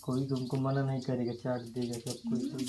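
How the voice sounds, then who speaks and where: A man's voice: mid-range voice, completely flat delivery, normal speed, dark tone. A man vlogging at home while his sisters cook, chatty and teasing as he gives orders. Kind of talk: casual vlog narration.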